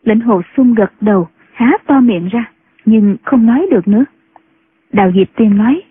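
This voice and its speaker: A woman narrating a martial-arts novel as an audiobook in a steady storytelling manner. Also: a little high, moderate pace, breathy edge, dry recording. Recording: tinny phone-like sound.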